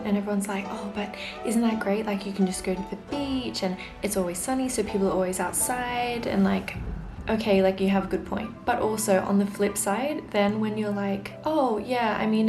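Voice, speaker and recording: A young woman with a posh Australian accent, chatting in an exasperated, comedic vlog rant and mimicking what others say. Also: medium pitch. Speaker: vlogger. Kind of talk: casual comedic rant to camera. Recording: roomy echo with clear background music. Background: music.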